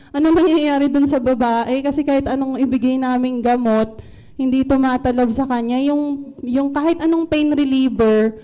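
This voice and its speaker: A woman's voice: sits high, warm tone, rough recording. A woman telling a church congregation about an emergency-room ordeal, chatting casually, mixing English into her Tagalog and laughing between phrases. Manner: conversational, with Tagalog-English code-switching. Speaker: speaker sharing a testimony. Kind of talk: testimony to a congregation.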